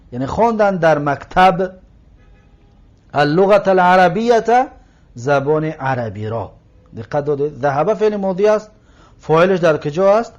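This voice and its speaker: A man teaching an Arabic grammar lesson in Persian, explaining slowly, repeating words and checking that listeners follow. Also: fairly high pitch, a little mellow. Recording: dull lo-fi recording.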